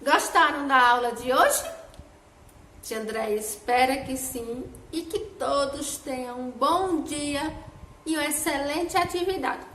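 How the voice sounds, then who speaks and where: A woman teacher giving a children's phonics lesson, sounding out each syllable slowly in a sing-song way. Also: high voice, fairly bright tone. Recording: echoey room with faint background noise.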